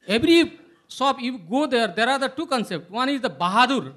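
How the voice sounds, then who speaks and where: A man's voice: extremely high pitch, sing-song, a bit bright. A man from Nepal, asking a panel a long question and stopping often with filler sounds. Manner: halting, many filler sounds. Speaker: audience member asking a question. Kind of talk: hesitant spoken question at a panel.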